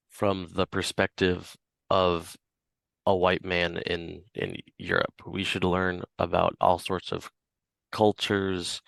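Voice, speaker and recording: A young man speaking as a panelist in a casual student podcast, halting and repeating words. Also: low-pitched, gravelly, fairly bright tone, no echo.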